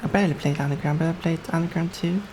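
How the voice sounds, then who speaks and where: A young Swedish woman rattles off rapid-fire, casual commentary to her viewers during a racing game, laughing often. Her voice is low and warm, with a Swedish accent. There's a slight hiss or hum in the recording.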